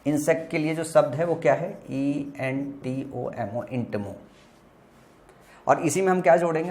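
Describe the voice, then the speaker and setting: A man with an Indian accent teaches vocabulary for exam prep in a slightly high voice. He quizzes his listeners with questions he answers himself. He breaks hard words into parts and spells them out slowly, letter by letter. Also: a little mellow.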